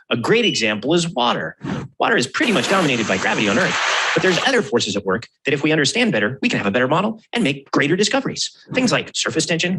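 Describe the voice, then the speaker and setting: Sped-up chipmunk voice of a man narrating, lively, squeaky, upbeat show-and-tell. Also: breathy edge, rough recording. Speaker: astronaut. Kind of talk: quick explainer video narration.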